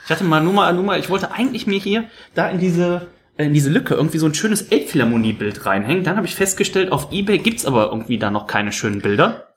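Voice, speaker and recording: A man hosts a casual podcast chat in a slightly high voice. His pitch swings widely as he tells rambling, animated stories. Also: quick pace, hardly any pauses, a little hiss or hum. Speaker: podcast host.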